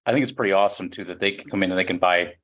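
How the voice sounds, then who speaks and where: This podcast co-host has a low, fairly bright voice and talks at a rapid-fire clip. He asks friendly questions in a casual chat, stumbling and restarting frequently.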